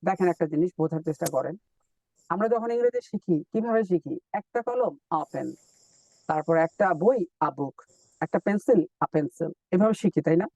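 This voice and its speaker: Guy teaching english online, high voice, dry muffled mic a bit far off, repeats words slow. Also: lively intonation, a little mellow, no room sound. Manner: explains step by step, repeats drill words slowly. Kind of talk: live online lesson.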